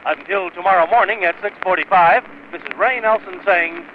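A man's voice: sits high, moderate pace, narrow, tinny audio, a little hiss or hum. Man reading news on an old 1940s radio broadcast. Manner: crisp, formal announcer delivery. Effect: old 1940s radio broadcast recording. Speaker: radio newscaster. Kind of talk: formal wartime radio news bulletin.

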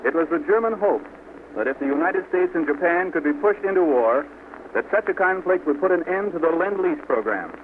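A male announcer reads a wartime news bulletin in a formal, measured old newsreel manner, his voice sitting a bit high. The sound is thin and boxy like an old radio broadcast, with a faint hiss underneath. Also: animated, narrow, tinny audio. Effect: old newsreel-style broadcast sound.

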